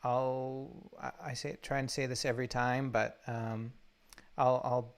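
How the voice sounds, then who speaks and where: A man guides a meditation in a flat, even, mid-pitched voice. He talks haltingly, with many fillers and restarts. He records on a laptop or phone from a spot away from home. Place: undisclosed spot while traveling. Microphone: laptop or phone mic.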